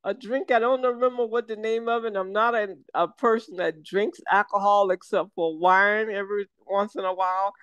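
An older woman from the American South, a guest chatting over a video call, talking slowly and wandering with many fillers and restarts. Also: mid-range voice, steady tone, a bit bright, clear, resonant tone, dry recording, muffled recording. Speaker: guest, syrup maker.

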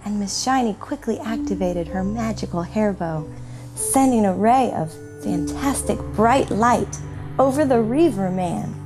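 A woman playing a gentle bedtime-story mother. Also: mid-range voice, lightly acted. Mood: storytelling. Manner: soft, slow storytelling. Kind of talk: film drama acting. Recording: music behind.

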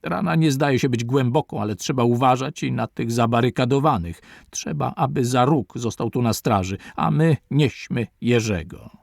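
A man reading aloud and voicing a brave, steady male naturalist explorer in an audiobook. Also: mid-range voice, moderate pace, vocal fry, hardly any pauses, no echo, clean studio sound. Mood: urging calm.

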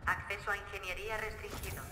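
A woman voicing a calm automated announcement heard over a station loudspeaker, formal and instructional. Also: mid-range voice, quick pace, heavy background noise. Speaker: station public address announcer. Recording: distant loudspeaker under loud game music.

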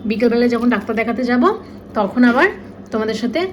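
A woman's voice: a little high, level tone, fast, a little hiss or hum. Chatty young Bengali mother vlogging. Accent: Kolkata Bengali. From India. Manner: chatty, explains step by step to viewers. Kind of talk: casual home vlog.

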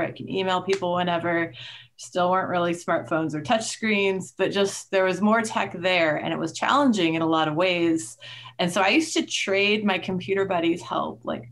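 Thoughtful middle-aged woman, headset call. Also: medium pitch. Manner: thoughtful, animated storytelling, frequent "like"s. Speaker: interview guest, engineering manager. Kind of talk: casual interview chat. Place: small room at home. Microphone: headset on a video call.

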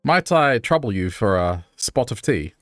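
A man voicing a pompous aristocratic gentleman duke with a slow, stately posh delivery. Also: medium pitch, big pitch swings, faint music behind.

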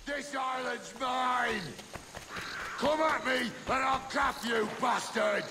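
Hotheaded, high-strung gravelly pirate. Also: male voice, fairly even intonation, slow, over loud music, full character voice. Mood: enraged, threatening. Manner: hotheaded, shouting threats and curses. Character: hot-headed, half-mad marooned male pirate. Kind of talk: dramatic video game acting.

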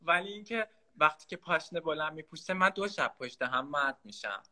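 A man's voice: fairly high pitch, lively intonation, sharp tone. A man in his twenties from Iran, a guest on a video call, talkative and playful. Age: 20s. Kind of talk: casual live-stream chat.

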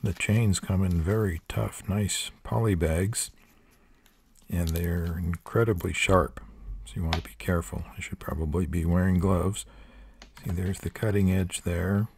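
Older guy doing a hands-on tool review at a workbench, deep gravelly voice, dry practical asides. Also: steady tone, measured pace, darkish tone. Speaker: product reviewer. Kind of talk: hands-on product review narration. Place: workshop table.

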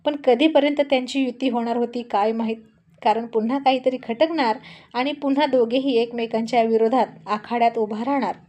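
A woman storyteller reading a romance aloud, her voice sitting fairly high. She narrates in an intimate, conversational way, as if speaking straight to her listeners. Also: steady tone, a little fast, warm tone.

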